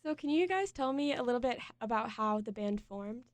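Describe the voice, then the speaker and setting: A woman's voice: fairly high pitch, animated, a little fast, no room sound. Upbeat young woman radio host. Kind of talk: radio interview.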